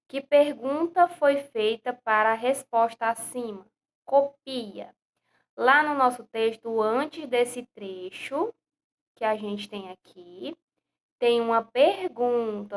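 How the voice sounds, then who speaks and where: A woman with a Brazilian accent, a primary school teacher giving a recorded lesson and explaining step by step, repeating questions patiently. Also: on the high side. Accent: Brazilian Portuguese.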